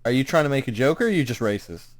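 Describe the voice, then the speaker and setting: A man's voice: mid-range voice, very animated, racing, dry recording. A man co-hosting a casual podcast, giving dry, hesitant retorts. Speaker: podcast co-host. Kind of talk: casual chat.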